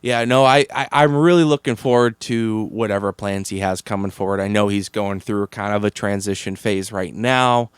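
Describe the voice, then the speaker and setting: A man's voice: lowish voice, normal speed, hardly any pauses, clear, resonant tone, dry recording. A man with a Boston accent co-hosting a casual beer podcast, chatty and laughing easily. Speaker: podcast co-host.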